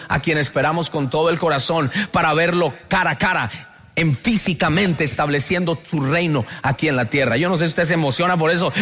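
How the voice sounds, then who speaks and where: Colombian pastor guy preaching, high voice, really bright and sharp, gets the church to repeat after him. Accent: Colombian Spanish. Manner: animated preaching, calls on the congregation to repeat lines. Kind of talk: sermon.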